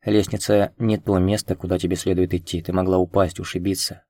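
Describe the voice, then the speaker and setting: A man reading the lines of a young lord in an audiobook, gentle and coaxing but used to giving orders. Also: deep voice, level tone, brisk, dry recording, studio quality. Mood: tender. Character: young lord, tender yet commanding.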